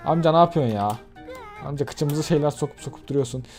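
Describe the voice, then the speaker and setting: A young man giving casual let's-play commentary while gaming, excitable and prone to sudden yelps. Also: on the high side, quick pace, faint music behind. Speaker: gaming YouTuber.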